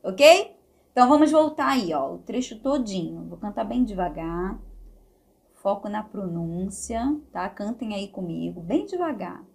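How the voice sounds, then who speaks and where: A woman with a Brazilian accent teaching English pronunciation. She explains each point in Portuguese and then sings the lines of a song slowly. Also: medium pitch, animated, gravelly. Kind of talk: song-based pronunciation lesson.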